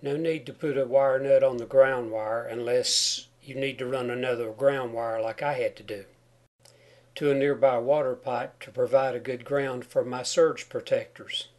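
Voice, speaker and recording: Over photos, a DIY home wiring instructor narrates a homemade-style how-to tutorial, explaining each point plainly and step by step. His mid-pitched voice is steady and a little mellow at a normal speed, with a noticeable whistle on sibilants caused by a chipped tooth.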